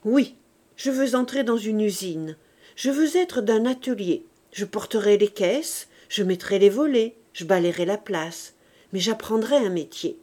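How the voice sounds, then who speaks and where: A woman reading the lines of a rebellious teenage boy who speaks forcefully with a raised voice. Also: mid-range voice, lively intonation, unhurried. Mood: defiant.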